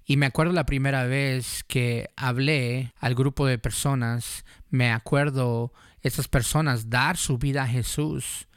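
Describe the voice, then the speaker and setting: A man's voice: mid-range voice, fairly even intonation, a little slow, hardly any pauses, clean tone, dry recording, clean studio sound. A man preaching, telling his own testimony and then making an earnest, urgent altar call to the listener.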